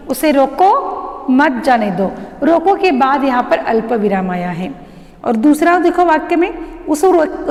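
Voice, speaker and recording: Woman teacher, high voice, patient explainer with a long room echo. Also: darkish tone. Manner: explains patiently, addresses students as children, checks understanding with questions. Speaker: school Hindi teacher. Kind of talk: online classroom lesson.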